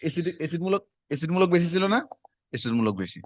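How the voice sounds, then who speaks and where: Fast-talking male teacher quizzing students. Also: on the high side, animated, dry recording. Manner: quick, conversational, quizzing students. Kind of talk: classroom lecture. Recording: dull lo-fi classroom recording.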